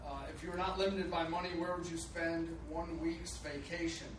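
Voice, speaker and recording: A man's voice: on the high side, little pitch movement, a little fast. A man from Illinois introducing himself to a group, dry and brief. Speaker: church group member. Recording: echoey, distant, noisy.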